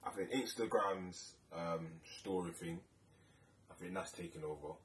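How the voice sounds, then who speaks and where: Deep-voiced young London man, roomy recording. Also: unhurried. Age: late 20s. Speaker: podcast co-host. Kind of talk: casual chat. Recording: roomy, distant mic, faint noise.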